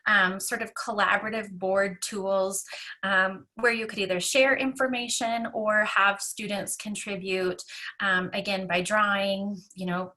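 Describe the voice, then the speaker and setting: Fast-talking bright woman teacher presenting. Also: medium pitch. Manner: rushed, fast-talking, many filler ums. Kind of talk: conference presentation.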